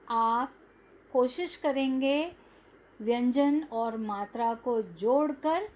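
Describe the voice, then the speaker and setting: A woman's voice: sits high, a little mellow. A woman teacher giving a language lesson to young children, stretching out each syllable.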